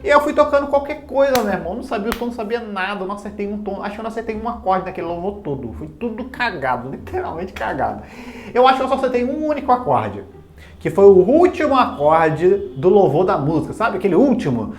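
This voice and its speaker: Um homem, professor de música, contando de forma descontraída e bem-humorada uma história pessoal, zombando de si mesmo. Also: male voice, high voice, quick pace, slight background noise. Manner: animated, self-mocking and humorous. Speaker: music teacher. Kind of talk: casual personal storytelling. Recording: echoey room with faint music.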